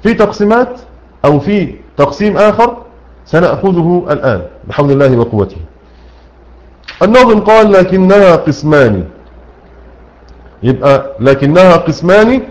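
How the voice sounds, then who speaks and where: Speaking with an Egyptian accent, this animated man with a voice on the high side explains recitation rules for the Quran by working through a poem one line at a time. He answers his own questions, repeats key words, and recites unhurriedly, all captured on a low-quality recording.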